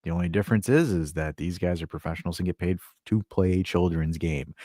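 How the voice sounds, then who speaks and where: Co-host: low-pitched man, profane and exasperated, dry close sound. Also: darkish tone, no echo. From United States. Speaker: podcast co-host. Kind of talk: casual sports chat.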